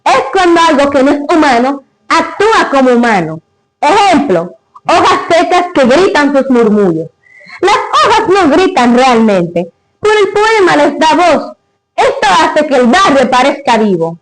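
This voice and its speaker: A woman giving scripted educational narration, explaining didactically in short, deliberate phrases. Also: sits high, big pitch swings, rough recording. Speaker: literature explainer.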